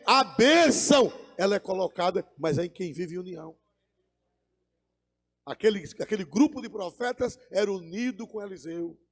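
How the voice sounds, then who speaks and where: Pastor preaching hard, high-ish voice, call and response, echoey church. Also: male voice, normal speed, warm tone. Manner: fervent, call-and-response with the congregation. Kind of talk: sermon.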